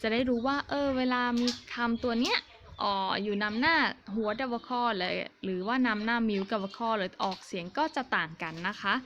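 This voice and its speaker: A woman giving a pronunciation lesson, speaking clearly and carefully and repeating each example word twice. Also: a little high, a bit bright, dull audio, a little hiss or hum. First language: Thai. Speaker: language teacher. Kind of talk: slow, patient pronunciation lesson.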